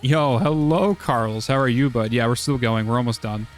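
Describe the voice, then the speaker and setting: A man streaming casual game strategy talk, hoarse from losing his voice, rambling with many "uh"s and "like"s. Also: medium pitch, normal speed, faint music behind. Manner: rambling, full of "uh" and "like".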